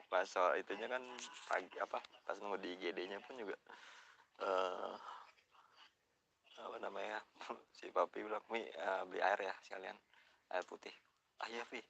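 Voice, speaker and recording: A young man with a gravelly, bright and fairly low voice recounts a personal misadventure in casual Jakarta slang. He plays every character in the scene himself and gets worked up and indignant as he tells it. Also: moderate pace, pauses often, a little hiss or hum. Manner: animated, acts out dialogue with rising indignation. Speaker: vlogger telling a personal story. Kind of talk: casual storytelling chat.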